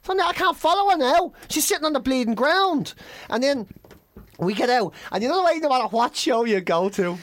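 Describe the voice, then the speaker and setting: A man's voice: very high-pitched, a little fast. A man, a comedian host telling a funny story in casual chat, swearing and mimicking people. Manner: animated, swearing, mimics others.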